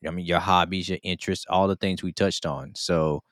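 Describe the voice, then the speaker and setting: Very deep laid-back male podcast host. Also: steady tone, a little fast, fairly bright tone, dry recording, studio quality. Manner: laid-back, says "bro" often. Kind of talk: casual chat.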